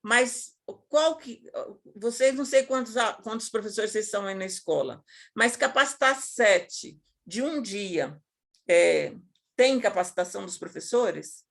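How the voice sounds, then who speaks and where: A woman educator talking casually to teachers over a video call, lively and colloquial, acting out the scenes she tells. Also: mid-range voice, a little slow, vocal fry. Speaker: educator giving a talk.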